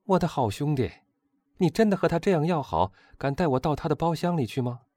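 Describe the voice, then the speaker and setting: A man's voice: mid-range voice, a little fast, no echo, studio quality, pitched above the performer's own voice. A man voicing an eager, chatty young Parisian nobleman in an audiobook. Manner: excited, gushing.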